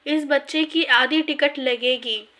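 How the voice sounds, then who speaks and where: A woman's voice: sits high, fairly even intonation, slow, pushed and bright, heavily acted. A woman voicing a matter-of-fact male bus conductor in a read-aloud story.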